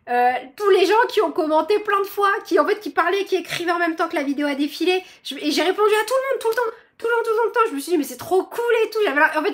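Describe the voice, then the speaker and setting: Bubbly high-voiced chatty woman. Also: fairly bright tone. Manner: bubbly, self-described chatterbox, lots of fillers. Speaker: crochet channel host. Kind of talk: chatty vlog talk to viewers.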